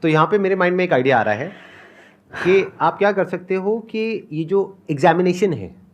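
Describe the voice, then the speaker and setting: A man's voice: sits high, animated, normal speed, highs cut off. A man hosting a talk show, chatty, with a joking manner. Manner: chatty, jokes about himself. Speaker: show host.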